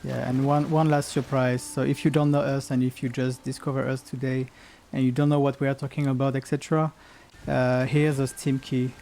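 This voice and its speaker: A man's voice: medium pitch, level tone, brisk, creaky, darkish tone, a little hiss or hum. A man co-hosting a live game community stream, chatting casually, chuckling and reading viewer comments aloud.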